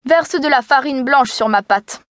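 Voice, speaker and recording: A sly, wheedling wolf, put on by a woman reading a storybook, pitching his voice up sweetly with roughness beneath. The sound is dry and close. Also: unhurried, fairly bright tone, no room sound. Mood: demanding. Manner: wheedling and coaxing. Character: sly male wolf faking a sweet mother voice.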